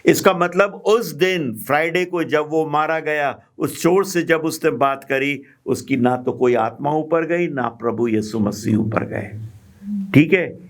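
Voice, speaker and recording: Male scripture teacher, unhurried, measured and explanatory. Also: on the high side. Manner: slow, patient, with frequent pauses and fillers. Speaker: Bible teacher. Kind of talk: explaining scripture in a group Bible study.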